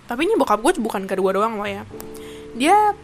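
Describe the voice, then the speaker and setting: A woman's voice: fairly high pitch, big pitch swings, moderate pace, soft background music. A young woman from Indonesia, chatting casually to camera, full of fillers and bits of English. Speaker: vlogger.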